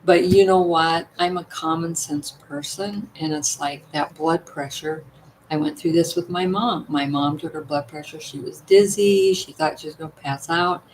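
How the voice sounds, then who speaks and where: In a low, steady voice at normal speed, an older woman gives health tips to her home audience in casual, emphatic talk. Her voice sounds partly worn and weakened, and "you know what?" comes up often. The recording is rough, with a little hiss or hum.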